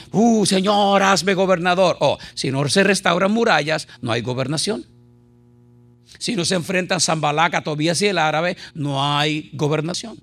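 Middle-aged guy preaching, gravelly voice, kinda high, cracking jokes, soft music behind. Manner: animated, jokey, shouts and laughs at times. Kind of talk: lively sermon with jokes and anecdotes.

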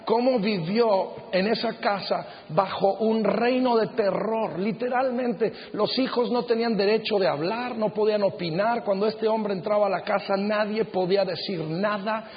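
Male preacher, middle-aged, high-pitched, earnest and measured; muffled recording with long reverb from a big auditorium. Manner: earnest, measured preaching with slow emphatic phrases. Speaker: pastor. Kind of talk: sermon. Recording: dull sound with long hall reverb.

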